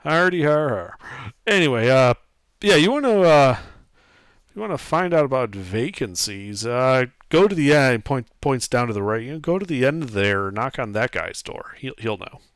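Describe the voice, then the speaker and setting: A man acts out a gruff half-orc tenant for a tabletop game. He is blunt and sarcastic, grumbling with an animated, swinging pitch in a dry recording. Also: moderate pace, no echo, close to an everyday voice.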